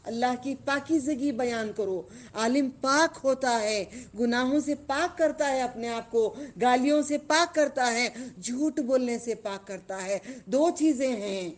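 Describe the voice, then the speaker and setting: Speaking in a high voice with few pauses, a woman teaches children a religious lesson. She asks the class questions and stretches out the phrases she repeats.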